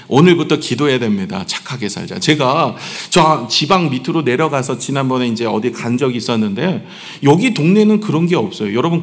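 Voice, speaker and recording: A middle-aged man, the senior pastor, preaching a sermon in a conversational way, asking the congregation questions and joking about himself. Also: mid-range voice. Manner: conversational preaching, asks the congregation questions, self-deprecating humor. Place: church sanctuary. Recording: long church hall reverb.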